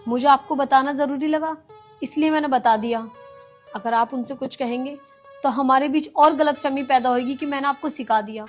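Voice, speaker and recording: A woman's voice: sits high, normal speed, faint music behind, natural voice. A woman playing a patient young daughter-in-law. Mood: pleading. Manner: pleading, earnest.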